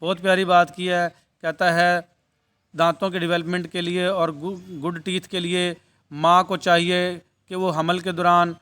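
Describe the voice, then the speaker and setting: A male teacher with a smooth, clear voice held in a narrow, steady pitch range, sitting a little above the usual for men. He reads each line of the textbook out slowly, then explains it in a quick, familiar way, calling his students "beta" as he goes. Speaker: nursing course teacher. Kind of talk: bilingual lecture, reading English text and explaining it.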